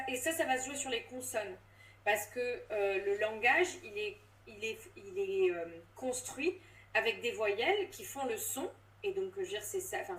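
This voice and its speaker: A woman's voice: fairly high pitch, a bit bright. A woman in her thirties, a voice coach, explaining with lots of fillers and restarts in a casual interview. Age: 30s. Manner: hesitant, many fillers and restarts. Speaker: voice coach and drama teacher. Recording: roomy sound, distant from mic.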